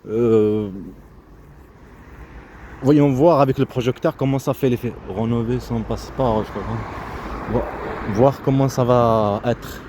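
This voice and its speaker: A man with a medium-pitched voice speaks slowly and steadily, rambling off the cuff outdoors and repeating himself in broken phrases as his thoughts wander. He stands near a road with passing vehicles, and the recording is full of street traffic noise.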